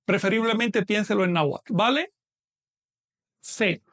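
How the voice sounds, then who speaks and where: Gravelly man teaching a math lesson. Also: high voice, measured pace, a bit bright. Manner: patient, explains step by step, asks questions and answers them. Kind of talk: live online lesson.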